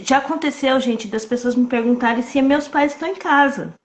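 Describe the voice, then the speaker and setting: A woman with a soft, childlike voice talking calmly about sales in a casual live chat over a video call. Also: high voice, brisk. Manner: calm, reassuring, many fillers. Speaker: sales trainer.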